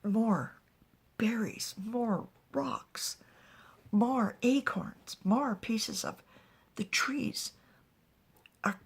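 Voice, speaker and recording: A woman telling a fantasy story aloud in an animated way, often dropping to a whisper. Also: on the high side, very slow, long pauses. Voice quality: husky and breathy.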